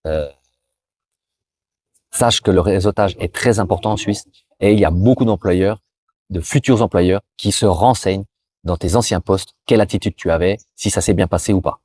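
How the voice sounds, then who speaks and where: A man from France hosts a career advice video, offering informal guidance straight to the viewer and often restarting and repeating words. His voice is low and a little mellow with a breathy edge, at normal speed, and there's no echo.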